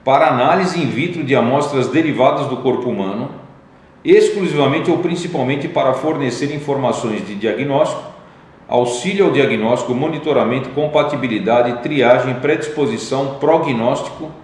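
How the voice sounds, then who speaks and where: A man's voice: mid-range voice, normal speed, a little mellow. A man with a Brazilian Portuguese accent, a company executive explaining regulations methodically, step by step. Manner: methodical, explains legal text step by step with fillers. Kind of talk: explanatory talk. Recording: very echoey room.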